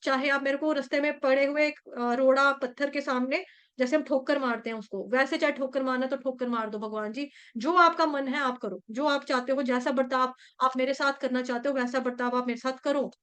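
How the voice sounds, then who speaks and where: A woman teaching a devotional scripture class, explaining in Hindi mixed with English and chanting Sanskrit verses slowly. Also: high-pitched, steady tone, fairly bright tone, clean tone.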